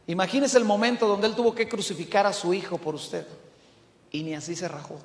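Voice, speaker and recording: A middle-aged Mexican man preaching a sermon as pastor, emphatic, swinging from loud to hushed. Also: high voice, fairly even intonation, a little fast. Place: church hall. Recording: echoey church hall.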